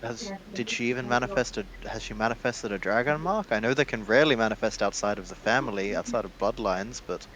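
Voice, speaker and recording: A man's voice: on the low side, lively intonation, fast, hardly any pauses, a bit bright, slight background noise, rough recording. A man playing a tabletop game, asking curious and thoughtful questions in casual chat. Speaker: player.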